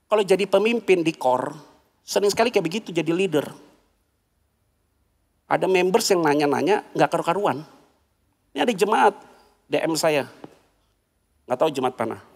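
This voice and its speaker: A male pastor preaching a sermon, animated, acting out quoted voices and dropping slangy asides. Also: a little high, moderate pace, vocal fry, pauses often, in a large hall.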